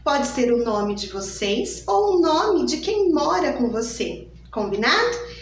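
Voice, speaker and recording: Slow sing-song woman teacher. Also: sits high, very animated, far from the mic, slight background noise. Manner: slow, sing-song and exaggerated, stretching out each word for small children. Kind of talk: children's phonics lesson. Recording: echoey room, voice from off the mic.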